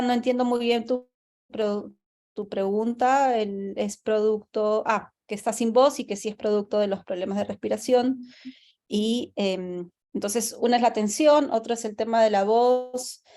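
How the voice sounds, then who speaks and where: A woman's voice: mid-range voice, warm tone. A woman with a Peruvian accent moderating a session and relaying audience questions, somewhat hesitantly. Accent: Peruvian Spanish.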